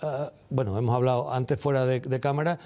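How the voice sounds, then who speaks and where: A man giving measured, didactic interview answers, repeating key phrases for emphasis. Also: mid-range voice, steady tone, warm tone. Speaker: doctor and medical representative being interviewed.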